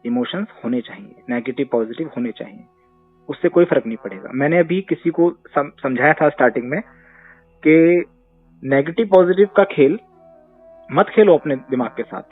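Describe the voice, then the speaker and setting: A man's voice: on the high side, lively intonation, normal speed. A man answering questions as a therapist, making his points emphatically with rhetorical questions. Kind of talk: conversational Q&A advice. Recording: tinny phone-line audio with faint music.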